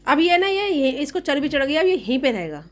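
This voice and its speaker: A woman's voice: sits high, sing-song, fairly quick. A woman in her thirties chatting casually to the camera as a family vlogger, teasing and laughing often. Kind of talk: casual vlog chat.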